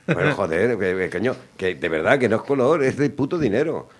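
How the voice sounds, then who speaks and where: A man's voice: on the low side, animated, a little fast, slightly rough. A man from La chatting on radio in a studio, blunt, sweary and sardonic. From La Mancha, Spain. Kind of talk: casual radio chat.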